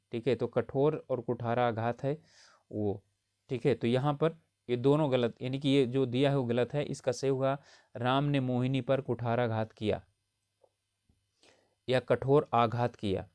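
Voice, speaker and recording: A man's voice: mid-range voice, a little mellow, clear, resonant tone, no echo, clean studio sound. A man teaching a grammar lesson for exam preparation, explaining each correction patiently and often checking in with his students. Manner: explanatory, repeats points with frequent "theek hai" checks.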